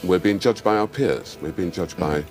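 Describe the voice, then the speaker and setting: A male actor in an archive TV interview, modest and halting in his answers. His voice is very deep, with faint music behind. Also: a little mellow. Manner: modest, halting, self-effacing.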